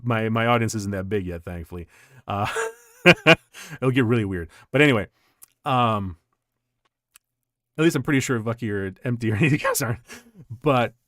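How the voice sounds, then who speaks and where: Brief: male streamer, casual chat, rambly storyteller who restarts a lot, mid-pitched voice, dry close sound. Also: no echo. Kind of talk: casual chat during a game livestream.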